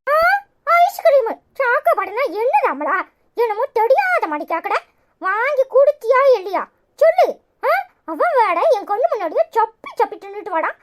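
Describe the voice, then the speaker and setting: A woman uses a very high, very animated voice at a moderate pace to play a stubborn little village girl in a cartoon. Speaking with a Kanyakumari Tamil accent, the indignant girl argues back with sharp sarcasm.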